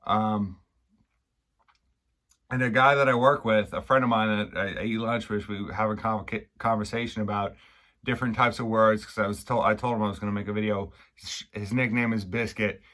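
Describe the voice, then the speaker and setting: A man from Maine with a Maine accent, casually explaining local slang in a halting, rambling way, repeating and restarting phrases. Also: fairly low pitch, sharp tone. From Maine, United States. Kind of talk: casual unscripted explainer chat.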